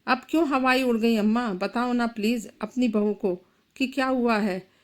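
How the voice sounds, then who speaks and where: A woman voicing a furious, grieving young husband in a storybook. He shouts and makes accusations. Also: a little high, normal speed, lightly acted. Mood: angry.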